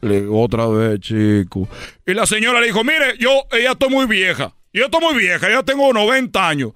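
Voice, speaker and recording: A man's voice: high-pitched, big pitch swings, moderate pace, sharp tone, no echo, clean studio sound, heavily acted. A man voicing a rambling comic character who tells a long story, repeating himself and laughing at his own jokes. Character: rambling man, son of a dictator. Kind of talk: comedy sketch storytelling.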